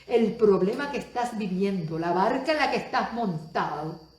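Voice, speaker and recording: A woman preacher delivering a Spanish-language sermon, moving between soft asides and loud exclamations and asking the audience many questions. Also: medium pitch, lively intonation, normal speed, echoey room.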